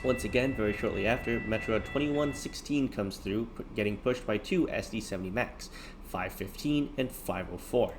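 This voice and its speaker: A man narrates a railfan video in a fairly low voice. He comments on train-spotting footage, with clear train and ambient noise behind him. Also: normal speed.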